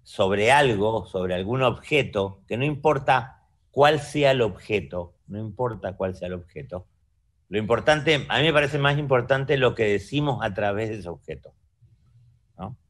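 An artist guest from Argentina, a man in his fifties, answers a conversational interview reflectively in an Argentine Spanish accent, often checking that the listener is following. His lowish voice is animated and measured, captured by a video call webcam in a room at home.

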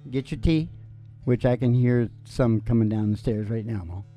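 This host is a man in his sixties, a musician on a small indoor stage with a curtain, whose medium-pitched, warm voice keeps fairly even intonation at a normal speed. He rambles in a folksy, easygoing manner, wandering into trailing-off asides. He's close to a stand microphone, with acoustic guitar picking played live behind him.

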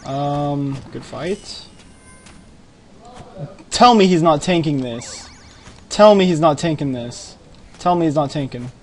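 A man's voice: fairly high pitch, takes it slowly, long pauses, darkish tone, slight background noise. A young man leading a clan in an online game, giving short repeated commands and live commentary into a headset mic. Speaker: clan leader giving orders.

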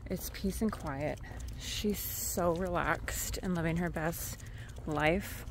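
Brief: woman vlogger, casual and chatty, low voice, unhurried, faint outdoor noise on a phone mic. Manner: chatty, talks to her dog and viewers. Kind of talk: casual travel vlog. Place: outdoors walking near a big store.

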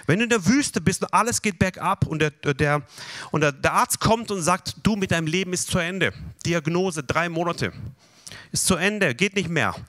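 A man preaching a sermon with animated delivery, leading the congregation through slow recitation of scripture. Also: a little high.

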